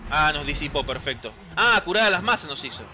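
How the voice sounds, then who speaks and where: Excitable Rioplatense man, bright tone. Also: on the high side, brisk, slight background noise. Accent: Rioplatense Spanish. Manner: chatty, excitable, reads game text aloud, answers chat. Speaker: gameplay streamer. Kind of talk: casual gameplay commentary.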